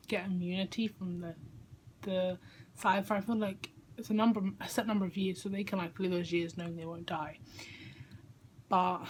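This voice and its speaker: A woman's voice: medium pitch, a little hiss or hum. A young woman talking casually to camera about books, rambling with lots of fillers and restarts. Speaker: book vlogger. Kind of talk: casual chat.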